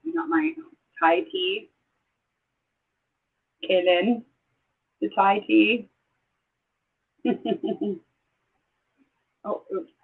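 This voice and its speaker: A woman's voice: mid-range voice, extremely slow, pauses often, husky. Chatty older woman, tinny phone sound. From Southeast Idaho, USA. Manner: chatty and easily excited, exclaiming and rambling. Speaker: livestream host. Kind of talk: casual live-stream chat.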